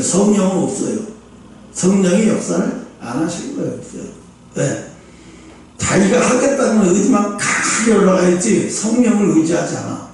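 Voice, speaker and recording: A male pastor preaches in a high voice, asking his congregation question after question. His delivery jumps between loud outbursts and quiet asides. The sound rings heavily in a church hall, picked up from well back. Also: a little hiss or hum. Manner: animated preaching, swings from loud bursts to low asides; speaks directly to the congregation with rhetorical questions. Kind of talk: sermon. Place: church sanctuary. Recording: echoey church hall, mic at a distance.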